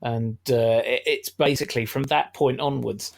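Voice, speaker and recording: Gravelly middle-aged man. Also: medium pitch, steady tone, normal speed. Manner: chatty, wry, laughs often. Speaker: podcast co-host. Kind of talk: casual film discussion.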